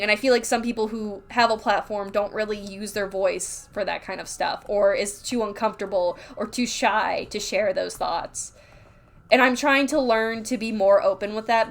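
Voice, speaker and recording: While drawing live, a woman with a fairly high voice rambles openly in casual conversation, packed with fillers. She reads messages from her chat out loud and responds to them.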